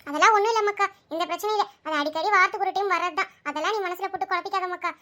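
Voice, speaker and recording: A very high, quick voice plays a caring cartoon village mother, as a woman puts her on. She soothes her grown son fondly before rushing off to her cattle. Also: steady tone, sharp tone. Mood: soothing. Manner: fond, soothing village speech.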